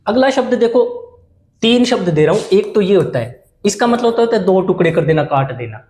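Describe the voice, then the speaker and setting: A man's voice: sits high, sing-song, normal speed, a little mellow, reverberant. A male English teacher giving an exam-prep vocabulary lesson, explaining in Hindi with English terms and often repeating words and checking "okay?" with students.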